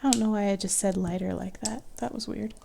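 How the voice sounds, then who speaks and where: A young woman quietly musing to herself as she draws, half-whispering and a bit hoarse from losing her voice. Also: medium pitch, steady tone, fairly quick, slight background noise. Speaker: artist vlogger. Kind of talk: soft-spoken drawing commentary.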